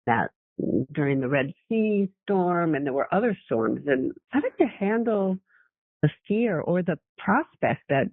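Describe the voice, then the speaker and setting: A woman's voice: lowish voice, sing-song, measured pace, dry recording. A woman hosting a radio interview, asking thoughtful, empathetic questions. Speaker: radio show host. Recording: dry, phone-like line.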